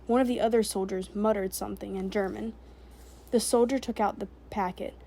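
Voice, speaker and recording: Female narrator, mellow and warm, steady measured read of a book chapter. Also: mid-range voice, creaky, a little hiss or hum. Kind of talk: reading a novel chapter aloud.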